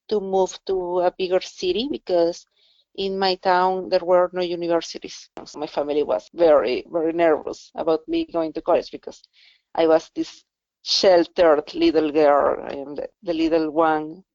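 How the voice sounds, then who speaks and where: A woman from Venezuela, calmly recounting her life in an interview, often repeating words while she finds them. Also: lowish voice, dry recording, muffled recording. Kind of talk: reflective personal account.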